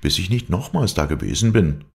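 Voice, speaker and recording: A man's voice: low-pitched, very animated, a little fast, creaky, pitched above the performer's own voice, full character voice. A man voicing a determined young knight in a storybook reading, firm and commanding. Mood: resolute.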